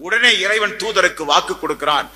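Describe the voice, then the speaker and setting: A man's voice: high-pitched, a little fast, bright, forceful tone. A man from Tamil Nadu preaching a sermon with passion, repeating phrases and asking rhetorical questions. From Tamil Nadu, India. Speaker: Islamic preacher. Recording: long hall reverb.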